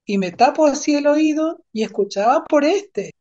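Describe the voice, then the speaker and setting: A woman giving an emotional personal testimony, telling it in an animated way and repeating phrases for emphasis. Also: high-pitched, moderate pace, dull audio. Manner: animated storytelling with emphatic repetition.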